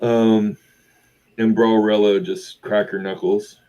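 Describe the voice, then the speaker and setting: A man narrating a tabletop game as game master, halting with many ums and uhs. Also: fairly low pitch, level tone, dark tone, clean tone, dull audio.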